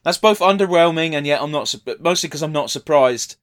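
A man's voice: fairly high pitch, expressive, fairly quick, a bit bright. A man giving casual, blunt, sweary commentary as a podcast co-host. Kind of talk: casual watch-along commentary.

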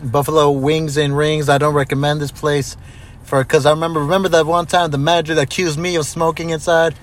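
A man's voice: fairly high pitch, level tone, brisk. A man in his twenties co-hosting a podcast, trading crude jokes and banter in casual chat. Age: 20s. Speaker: podcast co-host.

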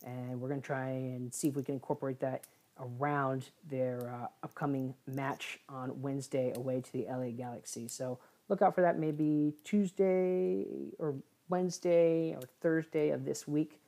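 A woman with a remarkably low, deep voice co-hosts a casual sports podcast. She rambles through the news roundup, pausing often on fillers and correcting herself as she goes. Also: steady tone, warm tone. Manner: rambling with frequent filler pauses and self-corrections. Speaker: podcast co-host.

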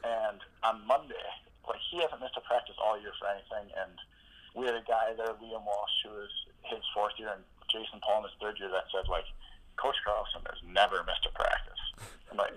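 A young man from Minnesota, a hockey player and podcast guest, telling a story casually, relaxed and rambling, with lots of fillers. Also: lowish voice, a little fast, slightly rough, rough recording. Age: young adult.

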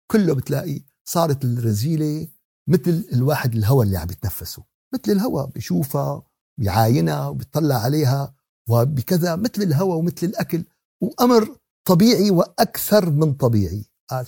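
Fast-talking Syrian man preaching, husky and creaky. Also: mid-range voice, warm tone, dry recording, clean studio sound. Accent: Syrian Arabic. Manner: didactic, asks rhetorical questions and repeats key words; conversational, with everyday examples and acted exchanges. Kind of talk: religious lesson on Quran exegesis, mixing classical recitation with colloquial talk.

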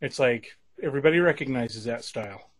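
A man co-hosting a casual music review show, easygoing and quick to laugh, explaining things in a halting way. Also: mid-range voice, no room sound. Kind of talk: casual chat.

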